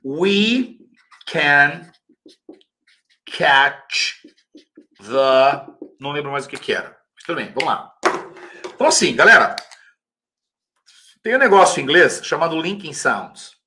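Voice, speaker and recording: Casual Brazilian English teacher on a live stream. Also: male voice, fairly high pitch, very animated, pushed and bright. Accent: Brazilian Portuguese. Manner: casual, chatty, reads viewer questions aloud; says English example phrases slowly and carefully.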